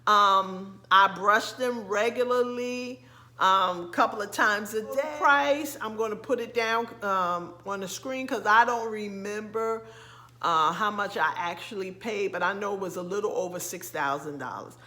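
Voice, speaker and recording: A middle-aged woman from the United States with a slight lisp, talking casually to camera as a vlogger, halting with frequent ums and restarts. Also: medium pitch, sharp tone. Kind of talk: casual vlog talk to camera.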